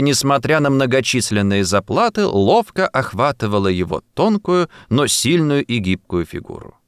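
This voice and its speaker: A man's voice: medium pitch, no room sound, clean studio sound. A man narrating a literary story as an audiobook, reading expressively and dramatically.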